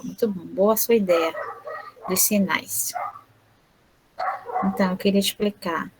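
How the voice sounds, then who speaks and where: A woman interpreting an online lecture aloud, speaking haltingly with frequent tag questions. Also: medium pitch, a bit bright, a little hiss or hum, poor audio.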